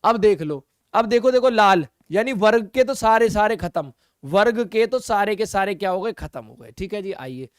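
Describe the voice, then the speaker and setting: A man teaching reasoning in an exam-prep video lesson, brisk and coaxing, repeating key phrases. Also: high voice, animated, clear, resonant tone, no room sound, studio quality.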